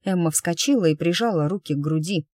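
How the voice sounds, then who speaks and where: A woman narrating an audiobook in an even, measured storytelling manner. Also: fairly low pitch, no echo, clean studio sound. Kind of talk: scripted narration.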